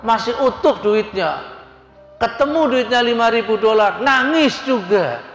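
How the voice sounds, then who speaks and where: A man's voice: very high voice, lively intonation, measured pace, fairly bright tone. A middle-aged man preaching as a hajj guide, folksy and chatty, acting out the people in his stories. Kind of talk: sermon with storytelling. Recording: echoey hall with faint music.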